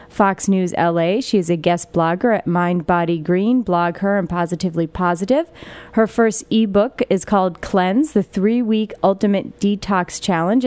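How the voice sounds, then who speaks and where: Woman, podcast host, casual chatty interviewer, smooth voice, dry sound. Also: lowish voice, a little mellow, dry recording. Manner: chatty, with fillers and restarts.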